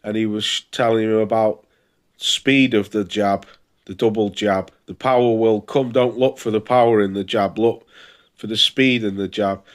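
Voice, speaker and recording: A man's voice: fairly low pitch, fairly even intonation, normal speed. A man with a congested, pinched-nose sound, hosting a casual boxing preview vlog in an informal, hesitant way, as if thinking aloud. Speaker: boxing channel host.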